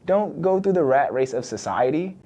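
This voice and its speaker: A man's voice: a little high, lively intonation, moderate pace, mellow. A young man, a podcast host from Virginia, talking in a loose, conversational solo monologue full of "like" and "right?". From born in the UK, raised in Virginia.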